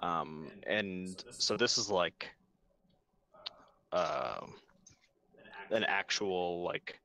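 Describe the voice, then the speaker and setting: A young man with a low, bright-edged voice narrates a tabletop game as its game master. He talks in a relaxed, meandering way, stopping often for fillers. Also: extremely slow. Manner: relaxed, hesitant with many fillers.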